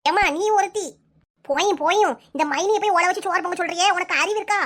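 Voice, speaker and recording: A woman voicing a bedridden, sharp-tongued old mother-in-law in a comic cartoon, nagging and scolding in a Kanyakumari Tamil accent. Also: very high-pitched, quick pace.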